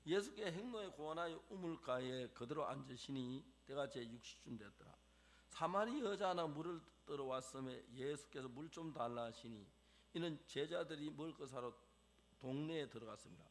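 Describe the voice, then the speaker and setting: Gravelly animated male preacher. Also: on the high side, normal speed. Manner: animated, acts out quoted dialogue. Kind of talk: chapel sermon.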